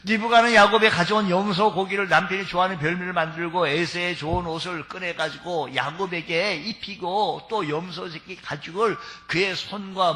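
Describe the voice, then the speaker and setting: A male pastor preaching a sermon, telling a Bible story with acted-out dialogue and building to fervent exhortation. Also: high-pitched. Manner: animated storytelling, acting out dialogue.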